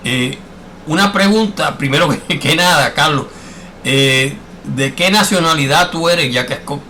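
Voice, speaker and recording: A man hosting a radio interview in a friendly, talkative way, often filling his sentences with small hesitations. His voice sounds bright and forceful. Faint noise sits under his speech. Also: a little high, unhurried. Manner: friendly, chatty, lots of fillers. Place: Miami.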